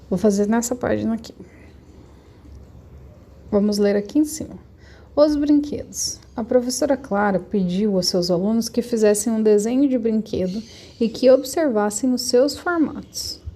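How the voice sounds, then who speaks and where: A woman's voice: fairly high pitch, normal speed, warm tone. A woman teacher, patiently explaining textbook exercises step by step for her young pupils in a remote class. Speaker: primary school teacher.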